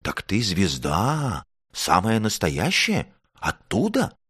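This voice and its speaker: A man voicing a shy, gentle little bear cub in a storybook, gruff and a little sad. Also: on the low side, wildly swooping pitch, takes it slowly, no echo, clean studio sound, pitched above the performer's own voice, exaggerated voice. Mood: amazed. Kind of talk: storybook reading.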